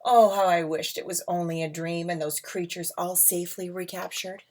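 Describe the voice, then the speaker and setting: A woman reading a picture book aloud to children as a teacher, with dramatic emphasis, drawn-out words and casual asides. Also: on the low side, fairly even intonation, darkish tone, a little hiss or hum. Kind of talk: expressive storybook read-aloud with casual asides. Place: at home.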